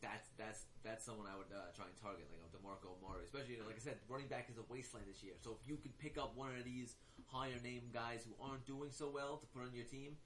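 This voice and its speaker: A man co-hosting a casual fantasy football talk, animated and prone to ranting, with many fillers and restarts. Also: medium pitch, fast talker, hardly any pauses, a little hiss or hum, poor audio. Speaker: fantasy football podcast co-host. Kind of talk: casual chat.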